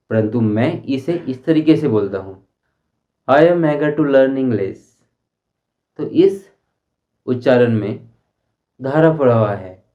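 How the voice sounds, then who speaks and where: A man teaching a spoken English lesson, explaining slowly and deliberately and repeating his examples. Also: medium pitch, lo-fi sound. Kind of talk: Hindi-language English lesson.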